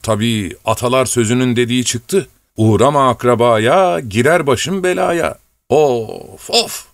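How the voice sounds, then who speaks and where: A man's voice: mid-range voice, unhurried, no echo, pitched above the performer's own voice, lightly acted. A man voicing a devoted old male servant who scolds, frets and pleads tearfully. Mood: tearful lament. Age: older. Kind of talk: audiobook character voice.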